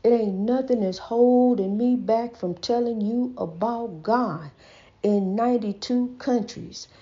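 With a warm tone and a slightly high voice, a woman speaks a little slowly as host of a casual inspirational preaching monologue. She says she stutters, keeps her talk folksy by repeating herself and calling the listener honey, and is heard on a dull lo-fi recording.

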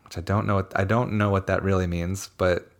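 A man's voice: low-pitched, level tone, a little fast, crowd noise. A man, a musician guest, chatting casually and animatedly, spinning playful theories. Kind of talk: casual chat.

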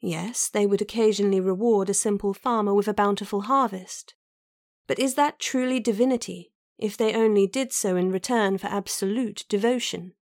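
A woman voicing a cool, probing noblewoman who speaks in a measured, deliberate way. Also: mid-range voice, a little mellow, no room sound, studio quality, close to an everyday voice. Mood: challenging. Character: cool, probing noblewoman, middle-aged, unrelenting. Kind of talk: audiobook character reading.

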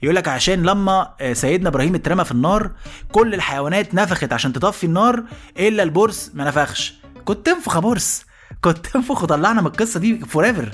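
A man with an Egyptian accent hosting a comedy podcast, telling stories in an animated monologue and slipping into voices. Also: high voice, soft background music. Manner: rapid, animated, jumps into voices. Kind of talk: comic storytelling monologue.

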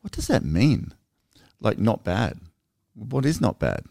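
A man co-hosting a podcast, talking earnestly in casual conversation, animated and restarting his sentences as he explains. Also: medium pitch, a little slow, vocal fry, dry recording. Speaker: podcast co-host.

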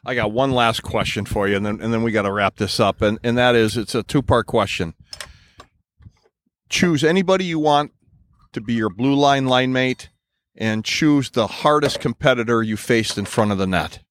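Relaxed man hosting a podcast. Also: mid-range voice, dry recording. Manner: relaxed, brief prompts and quick questions. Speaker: podcast host. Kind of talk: casual interview.

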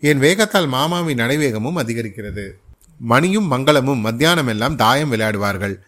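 A man narrating a short story as a podcast storyteller, in a steady, measured reading. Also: medium pitch.

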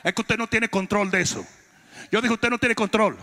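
A man, a pastor, preaching a sermon, often shouting his points and joking with the congregation. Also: high voice, moderate pace, in a large hall. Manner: preaching with shouted emphatic lines and joking asides.

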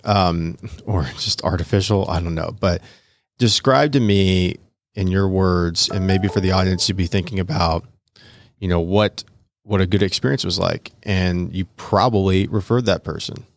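Low-voiced man mumbling slightly, mouth numb from dentist. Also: unhurried, vocal fry, no echo. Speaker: podcast host. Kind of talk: casual podcast talk. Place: podcast studio.

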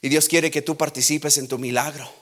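A man's voice: on the high side, fairly even intonation, fairly quick, fairly bright tone. A man preaching a sermon, switching between Spanish and English and acting out Bible scenes in a raised voice. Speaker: pastor. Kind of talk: bilingual sermon.

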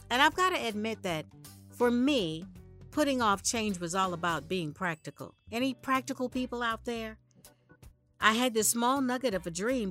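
A woman's voice: mid-range voice, a bit bright. A woman hosting an inspirational ministry podcast, speaking in a conversational, preaching style with rhetorical questions and dramatic emphasis. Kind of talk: motivational sermon-like monologue.

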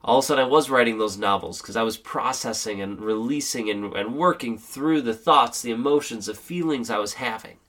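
A man hosts his own motivational podcast with a sick voice, his pitch sitting in the middle range. He speaks in an encouraging, gently paced way, inviting listeners along. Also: fairly quick, few pauses. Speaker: podcast host.

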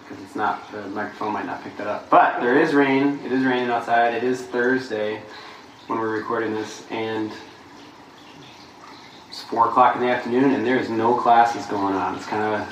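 A man's voice: medium pitch, steady tone, normal speed. A man hosting a gym podcast in easygoing casual chat, recorded in an empty gym. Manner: easygoing, laughs readily. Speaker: gym coach and podcast host. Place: empty gym on a rainy day. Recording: roomy, distant mic with faint hiss.

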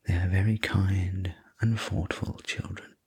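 Male sleep story narrator for whispered role-play: courteous manor servant, very breathy, unhurried and soothing. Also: deep voice, little pitch movement, a little mellow.

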